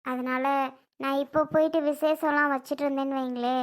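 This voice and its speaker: A woman voicing a grieving mother who speaks slowly and quietly in a family drama skit. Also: high voice, steady tone. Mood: sad, hopeless. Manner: slow, subdued and tearful. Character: grieving widowed mother, soft and weary.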